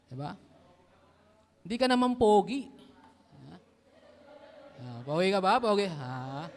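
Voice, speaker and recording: High-voiced young man preaching in a reverberant hall. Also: a bit bright. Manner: casual, playful, asks audience "di ba?" often. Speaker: youth preacher. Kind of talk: lively youth sermon.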